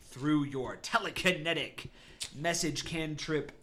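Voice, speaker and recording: A man's voice: on the high side, slow, sharp tone, a little hiss or hum. A man narrating a tabletop game as game master, laid-back, swearing and laughing often.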